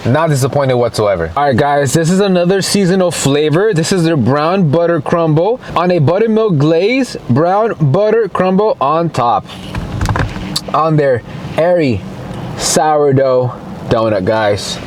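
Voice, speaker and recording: This food review vlogger is a man whose slightly high voice is expressive and measured in pace. He chats with viewers as "guys" during a casual mukbang review on camera, pausing for bites and appreciative hums. Ambient background noise is clearly audible.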